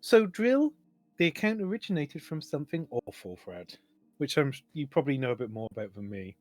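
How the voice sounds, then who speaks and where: A man's voice: fairly high pitch, expressive, a little fast, a little mellow, no echo. A man hosting a casual stream, talking in a chatty, rambling way, stumbling over repeated words and apologizing to his chat. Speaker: stream host.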